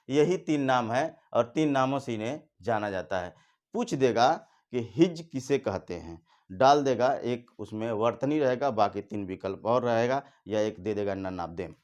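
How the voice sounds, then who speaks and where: A male teacher giving an exam-prep grammar lesson at a board, repeating key definitions slowly and telling students directly what to remember. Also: mid-range voice. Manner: addresses students directly with instructions.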